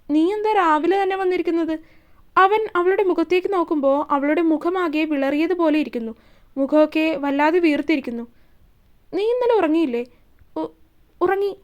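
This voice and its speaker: A woman storyteller reading a romance story aloud in a steady, expressive way. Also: high voice.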